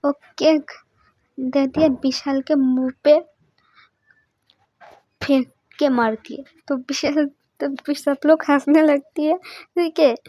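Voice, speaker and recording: A woman's voice: high voice, fairly even intonation, slow, pauses often, warm tone, no room sound, highs cut off. A young woman casually retelling a story in a loose, chatty way, with fillers and laughs.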